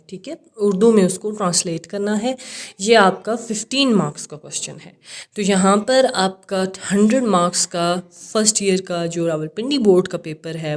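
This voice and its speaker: A young woman English teacher with a Pakistani accent, walking students through an exam paper and checking in often to be sure they follow. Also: mid-range voice. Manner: mixes English terms into Urdu, frequent "theek hai" check-ins.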